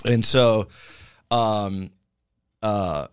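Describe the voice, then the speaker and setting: A man's voice: on the low side, drawn-out words, smooth, no echo, clean studio sound. A middle-aged man hosting a casual podcast chat, joking and rambling, with a habit of telling puns.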